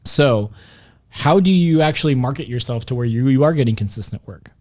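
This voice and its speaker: A man's voice: medium pitch, animated, brisk, a little mellow. A man hosting a podcast in casual chat, joking and rambling, often correcting himself mid-sentence. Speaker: podcast host.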